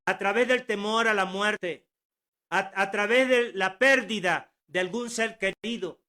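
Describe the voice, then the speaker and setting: A man's voice: sits high, unhurried, bright, forceful tone. A man in his sixties preaching a sermon at home, earnest and exhorting, with rhetorical questions and repetition. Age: 60s.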